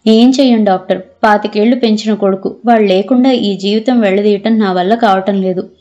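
A woman's voice: medium pitch, fairly even intonation, a little fast, warm tone, dull audio, soft background music, natural voice. A woman narrator voicing a grieving elderly father with a trembling, tearful voice. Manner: sorrowful and weary.

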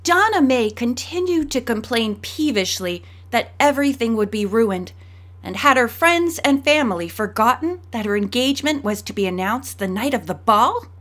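A woman narrating an audiobook, shifting her pitch and pace to voice each character. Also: expressive, moderate pace, a bit bright.

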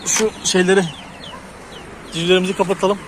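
Guy with a high voice chatting while he feeds his chickens outside, lots of clucking and noise behind him. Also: flat delivery, brisk. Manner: talks to the chickens and shoos them loudly. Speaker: poultry hobby vlogger. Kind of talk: casual chat to camera while doing farm chores. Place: outdoor chicken yard in the heat. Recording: noisy outdoor sound with birds.

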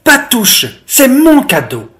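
A reader voicing an excitable little girl goat in a children's storybook, talking high and giggly. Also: unhurried. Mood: excited.

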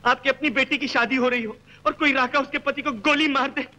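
A simple, kind-hearted young man speaks earnestly and with feeling. His voice sits very high and rings bright, a 1960s film drama performance. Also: fairly even intonation, a little fast, dull audio, full character voice. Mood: indignant.

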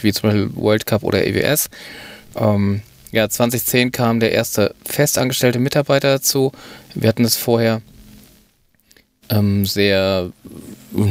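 A man's voice: on the low side, no room sound. A middle-aged man talking casually as a podcast host, recorded close up. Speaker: podcast host, full-time mountain bike website editor.

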